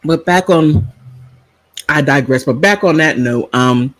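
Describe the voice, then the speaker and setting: A middle-aged man talks through a casual commentary vlog in an unhurried, drawn-out way. His voice sits a little high for a man and sounds close and dry. He is sassy and chatty, and he drifts into side stories. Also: fairly bright tone, no echo, low-quality recording. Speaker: vlogger.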